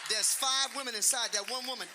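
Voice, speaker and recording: A man in his late fifties doing stand-up comedy, loud and animated, repeating his punchlines and talking to the crowd. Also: extremely high pitch, fairly quick. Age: 50s. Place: comedy stage with a laughing audience. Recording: live show audio with audience noise.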